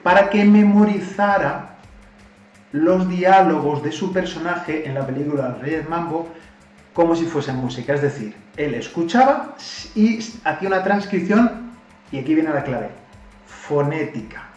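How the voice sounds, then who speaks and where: A man's voice: a little high, measured pace, reverberant, distant mic, highs cut off, soft background music. A Spanish man with a Spanish accent, animatedly retelling a story and explaining a language-learning technique, acting out the quotes. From Spain. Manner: animated, acts out quoted lines with laughter. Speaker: YouTube language-learning host.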